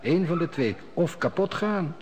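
A slightly high, animated male voice at a measured pace brings to life a scheming court steward in a 1960s radio play. The character is a sly, cynical royal steward and heavy drinker, delivered in a sardonic, mocking way.

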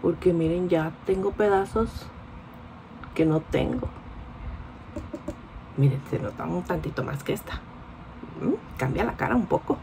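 A chatty Mexican woman in her forties vlogging into a phone held close. Her voice has a slight gravel to it, and some background noise sits under her talk. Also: on the low side, a little slow, pauses often, darkish tone, rough recording. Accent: Mexican Spanish. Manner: chatty, informal, confiding. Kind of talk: casual vlog chat to camera. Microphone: phone camera held close.

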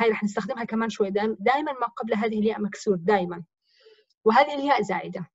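A woman's voice: a little high, breathy edge, no room sound, highs cut off. A woman teacher with a Levantine accent, explaining grammar step by step by asking and answering her own questions in a recorded lesson. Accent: Levantine Arabic. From Jordan.

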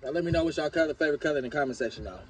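A man's voice: a little high, racing. A young man vlogging in a loose, joking way, cursing and bantering while he shops at an outdoor swap meet. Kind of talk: casual vlog chat. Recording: crowd noise outdoors.

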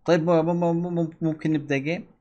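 A young man giving excitable gameplay commentary to his viewers and yelling at other players. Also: a little high, a little fast, lo-fi sound. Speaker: gaming channel host. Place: at home playing on a console.

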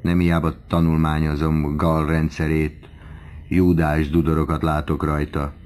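A man's voice: a bass voice, level tone, a little mellow, a little hiss or hum. A man reading an audiobook, voicing a young male medical student who jokes and mocks the other boarders with playful wordplay. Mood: teasing.

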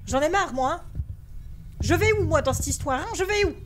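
High-voiced jumpy woman gaming. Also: lively intonation, moderate pace, over music. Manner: swears a lot, talks to herself, mixes in English words; jumpy and easily irritated. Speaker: streamer playing a horror game. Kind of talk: live gaming commentary.

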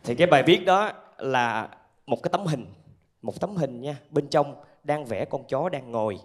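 A man with a southern Vietnamese accent performing animated stand-up storytelling to a live audience through a handheld microphone. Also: mid-range voice, normal speed. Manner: animated storytelling with acted-out asides. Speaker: stand-up comedian. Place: theatre stage with laughing audience.

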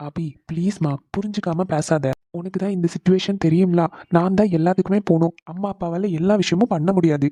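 A woman's voice: on the low side, steady tone, mellow, no room sound, close to an everyday voice. A woman voicing a tired young groom in a cartoon, pleading with his bride. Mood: coaxing. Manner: quick, weary and coaxing. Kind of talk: cartoon voice acting.

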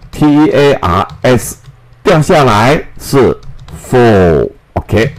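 A man teaching English phonics, spelling out letters and repeating each word slowly. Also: low-pitched, a little mellow, rough recording. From Taiwan. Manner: slow, drawn-out spelling and word repetition. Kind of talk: classroom phonics lesson.

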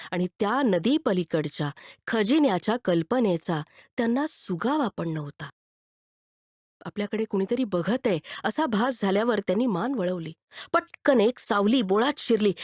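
A woman narrating a written story with expressive delivery. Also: medium pitch, no room sound, studio quality. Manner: expressive, animated.

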